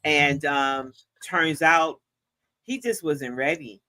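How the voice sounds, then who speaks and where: Rich: A woman with a bright, forceful voice chatting casually. She tells her own stories with energy. She leaps into character when she quotes people. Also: low voice, slow. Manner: animated storyteller, acts out quotes. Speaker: co-host. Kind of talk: casual gossip chat.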